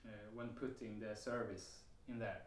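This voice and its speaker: Here a Swedish-accented man with a lowish, fairly even voice tells the camera about a personal experience at normal speed. His talk is casual and halting, marked by fillers, restarts and soft laughs, recorded with a roomy echo.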